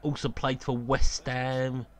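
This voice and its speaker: A man's voice: mid-range voice, flat delivery, slow pace. Chatty, opinionated football commentator man. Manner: chatty and opinionated, laughs at his own jokes. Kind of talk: casual live match commentary. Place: outdoor football stadium on a cold evening.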